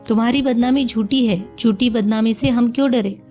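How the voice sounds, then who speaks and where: A woman's voice: fairly high pitch, normal speed, faint music behind, natural voice. A woman voicing a devoted young sister-in-law who pleads tearfully in a storybook reading.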